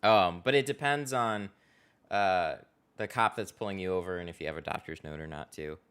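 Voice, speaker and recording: A relaxed man streams live from a car tint shop, talking in a casual, chatty way and laughing often. He answers viewers one after another as he works, in a slightly low voice. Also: moderate pace, smooth. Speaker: window tint installer and livestream host. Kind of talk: casual livestream chat while working. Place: tint shop garage, indoors.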